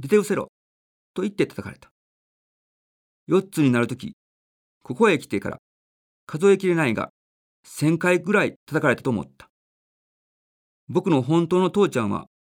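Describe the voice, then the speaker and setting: A man gives a spiritual talk in a calm, measured and polite manner. He reads a story aloud and then explains its lesson. His voice sits in an ordinary middle register. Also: mid-range voice. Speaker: religious speaker. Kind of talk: sermon with a read-aloud story.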